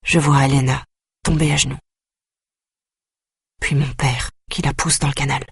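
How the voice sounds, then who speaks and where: A man reads a first-person audiobook in a grave, quietly intense manner. His voice is husky and breathy, and the recording is dry and close. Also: medium pitch, little pitch movement, moderate pace, no room sound. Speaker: audiobook narrator.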